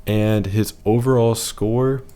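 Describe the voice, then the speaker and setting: A man's voice: lowish voice, fairly even intonation, slow pace, mellow. A man losing his voice, giving a casual, matter-of-fact voice-over that rates features one by one. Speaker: facial analysis presenter.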